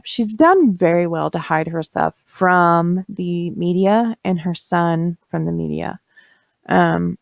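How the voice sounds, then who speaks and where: A woman's voice: fairly low pitch, gravelly, a little mellow, no echo. A woman hosting a true crime podcast, narrating casually with blunt, opinionated asides.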